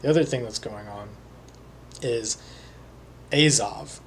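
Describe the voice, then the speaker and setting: A man talking alone as a psychic reader, slowly and hesitantly, with many pauses and fillers. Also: mid-range voice, steady tone, a little hiss or hum. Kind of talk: solo monologue.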